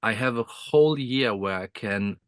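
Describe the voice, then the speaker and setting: A man's voice: mid-range voice, normal speed, clear, resonant tone, no room sound. Chatty man on a video call from a motorhome. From Croatia. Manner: friendly, laughs often, many restarts and fillers. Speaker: guest composer. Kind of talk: casual interview chat. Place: inside a motorhome.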